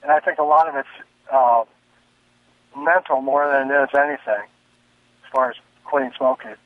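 An older man calling in to a radio talk show on a speakerphone, talking haltingly and repeating himself. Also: medium pitch, no room sound. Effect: caller on a speakerphone over a phone line. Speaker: caller. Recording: tinny speakerphone call with a dry sound.

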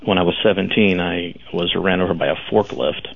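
Crackly phone caller, very low gravelly man. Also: fairly quick, no room sound. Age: 50s. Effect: crackling, distorted phone line. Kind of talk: casual call-in chat.

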